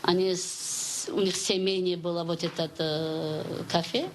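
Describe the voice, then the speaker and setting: Tajik-accented woman teacher, halting speech. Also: lowish voice, little pitch movement, noisy background. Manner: halting, non-native phrasing.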